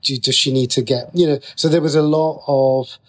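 This guest is a man who writes for television and radio, speaking at a moderate pace in a steady, mid-range voice. He answers the interviewer's questions casually and keeps breaking into his own sentences mid-explanation.

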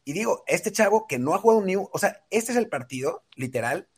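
A man's voice: sits high, lively intonation, fairly quick, slightly rough. A Mexican man chatting about football on a sports panel, telling stories with animation. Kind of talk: casual sports chat.

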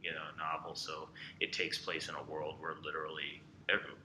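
A man answering interview questions in a rambling, halting way with many fillers. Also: extremely low pitch, monotone, bright, forceful tone, a little hiss or hum. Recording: echoey space with faint ambience.

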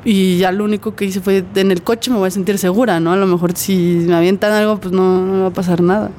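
A woman's voice: medium pitch, steady tone, brisk, darkish tone, slight background noise. A woman with a Mexican Spanish accent, an interview guest giving an earnest personal testimony and vividly acting out what others said.

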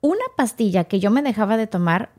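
A woman's voice: mid-range voice, fairly quick. A woman, a podcast guest telling her own story with emotion and acting out the people in it. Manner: animated, acts out quoted dialogue.

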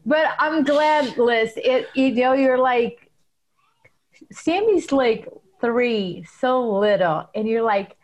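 A woman's voice: fairly high pitch, slow pace, poor audio. Woman, podcast co-host, casual laughing banter. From Brazil.

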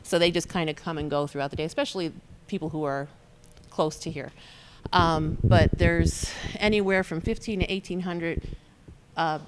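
A woman's voice: low-pitched, steady tone, moderate pace, slight background noise. A woman who works at an auction house and trains as an auctioneer, explaining how bidding works in a chatty way and laughing easily. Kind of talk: casual interview answers.

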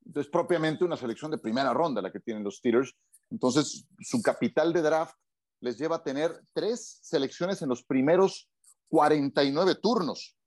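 A man's voice: on the high side, moderate pace, a little mellow, dry recording. A man hosting a casual sports talk show, chatty and steering the conversation on a close, dry mic. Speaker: podcast host.

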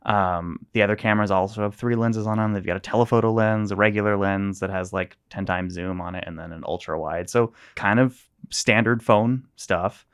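A man's voice: on the low side, fairly even intonation, moderate pace, few pauses, smooth. A man co-hosting a tech podcast, easygoing and chuckling as he rambles through the news. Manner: easygoing, laughs a lot, rambling. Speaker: podcast co-host. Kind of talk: casual tech podcast chat.

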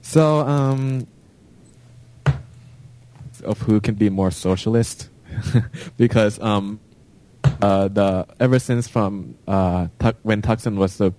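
A man on an online call whose audio keeps breaking up, speaking hesitantly with many pauses. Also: on the low side, warm tone, a little hiss or hum, poor audio. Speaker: panelist on a video call. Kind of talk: casual chat.

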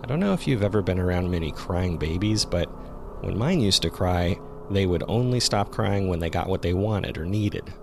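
Here a man narrates a scripted horror story as a jogger from the area recalling a frightening find in the woods. His very low, creaky voice carries lively intonation, though the telling stays measured, suspenseful and uneasy. Ambient effects and some background noise fill the track.

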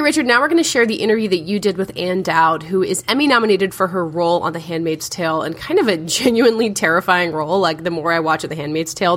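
A woman's voice: on the low side, fairly bright tone. A woman hosting a podcast in a casual, conversational way. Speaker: podcast host.

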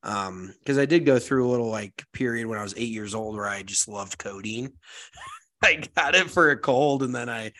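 A man's voice: mid-range voice, moderate pace, bright, forceful tone. An American man with a stuffy, congested nose in a casual, slangy podcast chat, swearing freely. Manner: profane, slangy. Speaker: podcast co-host.

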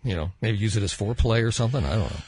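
An older American male podcast host chats in a husky voice. He rambles and halts as he reminisces, close on the mic in a dry room. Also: fairly low pitch, very fast, a little mellow, no echo. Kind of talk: casual chat. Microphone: close studio microphone.

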